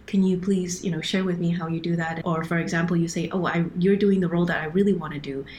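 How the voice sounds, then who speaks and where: A woman with a slightly low voice is explaining things earnestly on a remote podcast call, restarting her sentences often. A faint hum of room noise sits behind her. She sounds middle-aged and talks in a measured, explanatory way. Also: fairly even intonation, a little mellow. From Hong Kong. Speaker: guest, operations director. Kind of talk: podcast interview.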